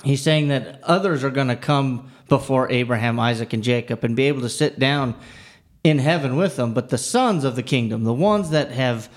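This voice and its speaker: A man's voice: mid-range voice, normal speed. An earnest man talking through a Bible passage with a co-host in an easy, conversational way. He restarts his sentences often and leans on "you know" as he works through his thoughts. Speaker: Bible study podcast co-host. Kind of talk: casual Bible discussion.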